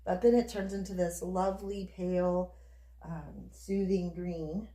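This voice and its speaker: Lower-pitched woman chatting in an echoey room. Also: steady tone, unhurried, warm tone. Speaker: soap maker demonstrating her craft. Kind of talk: casual chatty craft demonstration.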